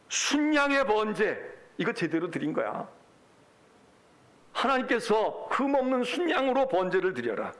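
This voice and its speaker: Animated, high-voiced preaching pastor. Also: male voice. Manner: animated preaching, acting out God's complaints. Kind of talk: sermon.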